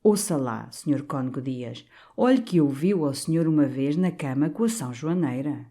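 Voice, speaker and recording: A woman voicing a young, cynical male priest who talks back with defiant, sneering calm, for an audiobook. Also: deep voice, brisk.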